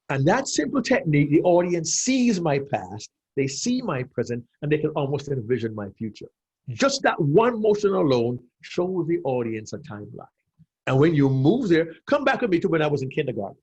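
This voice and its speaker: A Jamaican man in his fifties, appearing as a podcast guest, gives an animated coaching explanation on public speaking, speaking emphatically and repeating his key phrases. His fairly high voice is a little mellow and slightly rough, and the recording's highs are cut off.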